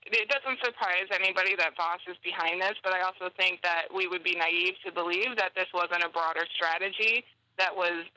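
A woman speaking as a panelist in a political discussion, making a forceful, sarcastic critique. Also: on the low side, steady tone, fairly quick, slight background noise, low-quality recording.

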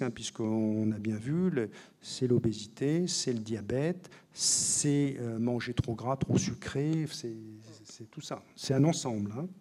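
A man's voice: medium pitch, dark tone. A male doctor and author explaining things in an interview, in a didactic tone with frequent hesitations. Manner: didactic, many fillers and restarts.

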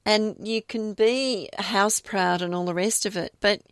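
A woman hosts a relaxed conversation and asks her guest curious, sympathetic questions. Her voice sits at an ordinary pitch for a woman. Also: measured pace, smooth, no echo, studio quality. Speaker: interviewer. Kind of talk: casual chat.

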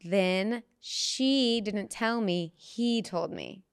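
A woman's voice: medium pitch, very slow, clean tone, no echo, studio quality. A woman hosting a podcast who tells stories chattily and laughs through them. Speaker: podcast host. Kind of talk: casual podcast storytelling.

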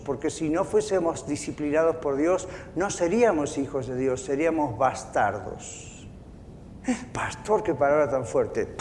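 A man pastor preaching a sermon in an animated way, acting out inner voices as he goes. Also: on the high side, in a large hall.

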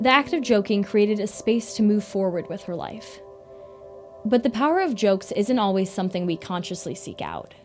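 A woman with a mid-range voice reads smooth scripted links between story segments of an audio program. Faint music sits underneath. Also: medium pitch, a little mellow. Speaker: program host. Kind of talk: scripted radio hosting.

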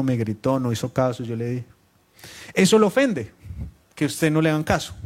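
A man's voice: mid-range voice, a little mellow. A young father preaching a live sermon to a congregation, speaking conversationally, questioning the people in the room directly and joking with them now and then. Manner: teasing asides with the audience.

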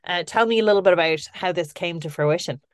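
A woman's voice: lowish voice, quick pace. A woman hosting a podcast, chatting enthusiastically with a guest. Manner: enthusiastic, gushing. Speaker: podcast host. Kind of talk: casual interview chat.

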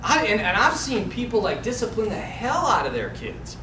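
A man's voice: high voice, sing-song, moderate pace. A man, a priest, giving an informal, sermon-like talk on parenting in a rambling, storytelling way, acting out the voices he quotes. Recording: echoey hall, distant mic, background noise.

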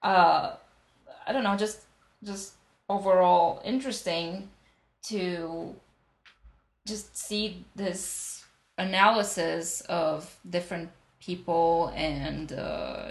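A young woman with a Romanian accent chats casually as a podcast co-host, playful and quick to laugh. Her voice sits a little low. The room around her rings with echo. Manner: laughs easily, playful and chatty. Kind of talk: casual chat. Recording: echoey room.

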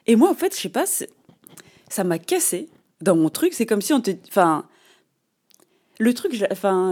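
Chatty French-speaking woman podcaster, mellow voice. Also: mid-range voice. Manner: animated, slangy storytelling with frequent fillers. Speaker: podcast host. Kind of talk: casual solo podcast monologue.

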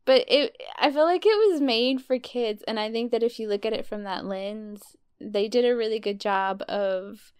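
A woman's voice: fairly high pitch, normal speed, smooth. A woman co-hosting a podcast, chatting casually in a rambling way. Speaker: podcast co-host. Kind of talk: casual chat.

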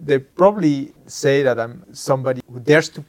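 A middle-aged Flemish-accented Dutch speaker, a company executive, discusses his leadership in a medium-pitched, slightly mellow voice. He pauses often while searching for words and caps his points with "huh?".

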